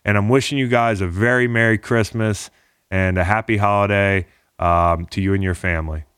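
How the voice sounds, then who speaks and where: A man's voice: on the low side, steady tone, moderate pace, a bit bright, smooth, no echo, clean studio sound. A man hosting a podcast, talking casually in a rambling, encouraging way. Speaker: podcast host.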